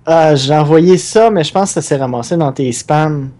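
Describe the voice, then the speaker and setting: A man's voice: fairly high pitch, normal speed, warm tone. A man with a Québécois accent making dry wisecracks as a podcast co-host. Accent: Québécois French. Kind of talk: casual chat.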